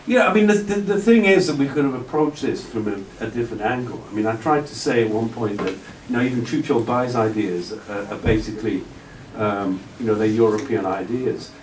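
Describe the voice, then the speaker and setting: This male lecturer talks briskly with hardly any pauses, in a mid-range voice with a darkish tone. Answering an audience question at length, he rambles, restarting frequently and leaning on "you know." The lecture-hall audio is roomy and distant from the mic, carrying slight hiss or hum.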